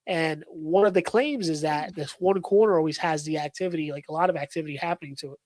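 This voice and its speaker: A man, a paranormal investigator, telling a spooky story in casual live-stream chat, excitable and full of fillers. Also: on the high side, fast talker, no echo, poor audio.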